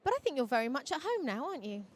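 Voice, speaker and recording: A woman's voice: sits high, big pitch swings, rapid-fire. A woman interviewing a pilot trackside, asking encouraging questions. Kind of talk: sports interview.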